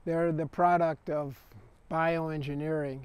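A man poet introducing his poems at a reading, halting, with many fillers and restarts. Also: fairly high pitch, level tone, darkish tone, clean tone, no room sound. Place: arts venue.

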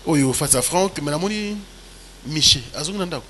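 A man's voice: a little high, expressive, fairly quick, pushed and bright, a little hiss or hum. A male interviewer making brief, polite remarks in a casual interview.

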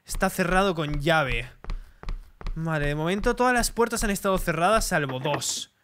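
Man, high-pitched, jumpy, horror game commentary, faint background noise. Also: animated, normal speed. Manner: jumpy, reacts with frightened shouts and repeated exclamations. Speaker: gaming streamer.

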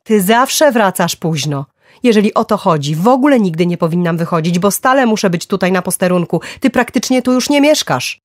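Narrator doing upset mom snapping at her husband, husky, up and down pitch, audiobook. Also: very animated, no room sound, studio quality. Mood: indignant. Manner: indignant, quick to argue. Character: sharp upset mother and wife.

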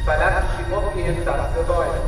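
A man voicing a calm evacuation announcer, heard through a building loudspeaker and repeating orders in a flat, steady way. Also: on the high side, brisk. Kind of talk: video game dub. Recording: echoey distant hall over game music.

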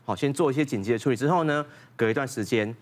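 A man's voice: medium pitch, fast. A man, a doctor on a talk show, giving step-by-step parenting advice with case stories. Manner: gives numbered advice with case stories, laughs often. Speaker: doctor guest.

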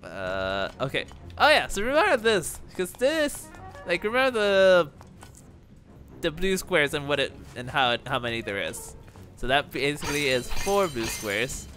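A tired let's play host gives casual gameplay commentary late at night, yawning now and then. The voice swings high and low, with sudden loud bursts of excitement and frequent stumbles over words. Game music plays clearly underneath. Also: unhurried.

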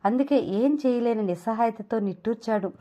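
A woman narrates an audio novel with steady, scripted storytelling. Her voice sits fairly high with a mellow, warm tone. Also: fairly quick.

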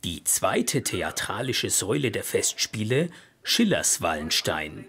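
A man's voice: lowish voice, very animated, a little slow, fairly bright tone. A man reading scripted narration for a television report as a voice-over.

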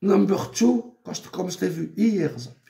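Gravelly, lively talking man. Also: high voice, moderate pace, roomy sound. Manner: slangy, mixes in Arabic phrases, repeats words. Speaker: father addressing his daughter. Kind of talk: casual rambling monologue.

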